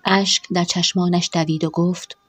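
A woman narrating a first-person audiobook in a measured, emotional storytelling manner, with a husky voice. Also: lowish voice, little pitch movement, dry recording.

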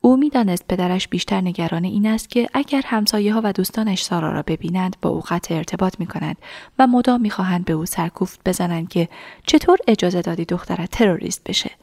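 A woman narrating a story in a soft, half-whispered reading voice. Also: fairly low pitch, dry recording, clean studio sound.

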